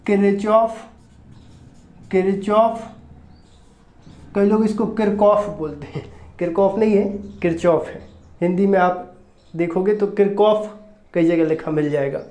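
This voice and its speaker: A physics teacher giving a recorded lecture, repeating each step and asking quick rhetorical questions to check understanding. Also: medium pitch, warm tone. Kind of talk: recorded classroom-style lecture. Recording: roomy echo.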